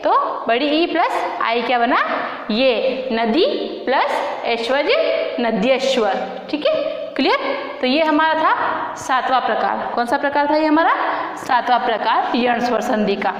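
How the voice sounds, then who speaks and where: A woman's voice: sits high, lively intonation, measured pace. A woman teacher giving a grammar lesson, asking her class questions and answering them herself. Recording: very echoey room, dull lo-fi sound.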